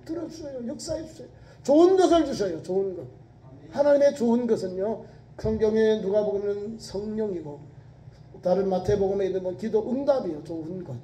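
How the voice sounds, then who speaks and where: 울림 큰 교회에서 설교하는 높은 음성의 남자 목사. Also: male voice, high voice, brisk, warm tone, slight background noise. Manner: emphatic preaching, rhetorical questions, acts out prayers and voices. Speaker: pastor. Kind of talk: sermon. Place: church sanctuary. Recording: echoey church hall, voice from a distance.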